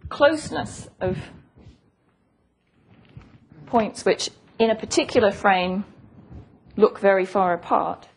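The physics lecturer here is a woman with a husky, medium-pitched voice, speaking at a measured pace in a steady tone. She explains thoughtfully, professor-style, hesitating and repeating phrases. The lecture recording is noisy, with clicks.

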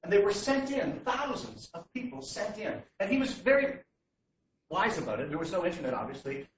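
With no slides to lean on, a Canadian man lectures the public in a large hall, his high, somewhat bright voice halting with fillers and restarts. The distant mic leaves him sounding far off amid strong echo and faint noise.

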